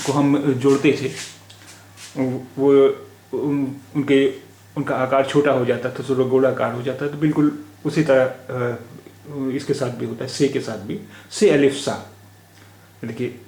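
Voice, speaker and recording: A man with an Indian Hindi-Urdu accent teaches a lesson at a very unhurried pace, patiently repeating each letter and word aloud. His voice sits at an ordinary pitch. The recording has the echo of a bare room. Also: darkish tone, a little hiss or hum. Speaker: language teacher. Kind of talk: slow spoken lesson.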